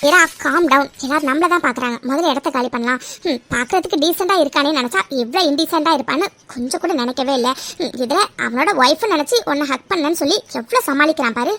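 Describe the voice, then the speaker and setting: A woman voicing the heroine's calm young friend in a cartoon dub, coaxing and soothing. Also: high voice, fast, hardly any pauses.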